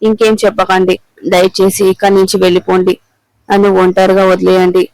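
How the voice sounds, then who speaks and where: A woman's voice: medium pitch, little pitch movement, a little fast, darkish tone, no echo, lightly acted, poor audio. Man reading as a bitter, accusing wife. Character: angry betrayed middle-aged wife.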